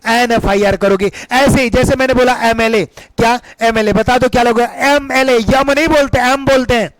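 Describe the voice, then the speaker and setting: A man's voice: very high-pitched, fairly even intonation, normal speed, dry recording, rough recording. A man teaching English grammar for exams, emphatic and repetitive, often asking the students questions and calling them beta. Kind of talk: exam-prep lesson.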